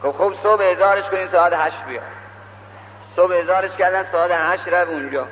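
A high-voiced man preaching in a big echoing hall. He tells the story as a chain of quoted back-and-forths and turns to urge his listeners directly. The lo-fi recording sounds dull and has a faint hum behind it. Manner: retells dialogue with many "he said" turns. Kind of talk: sermon storytelling.

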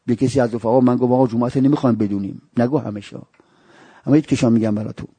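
A man preaching a religious sermon, telling stories and breaking into high wailing cries and chanted verses. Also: steady tone, warm tone, husky, no echo. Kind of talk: Shia religious sermon with storytelling.

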